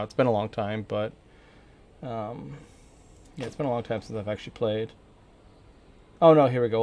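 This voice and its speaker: A medium-pitched American man from northern Minnesota gives casual live-stream commentary while playing a game, rambling informally and thinking out loud. There's a little hiss or hum in the audio.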